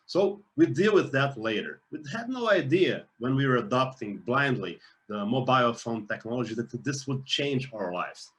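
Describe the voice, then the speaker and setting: A man's voice: mid-range voice, sing-song, moderate pace, a bit bright. A man moderating a panel discussion, enthusiastic, with hesitant restarts.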